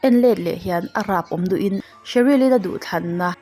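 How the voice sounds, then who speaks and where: A woman's voice: medium pitch, normal speed, dark tone. A woman narrator telling a true-crime story in a storytelling style. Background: faint music.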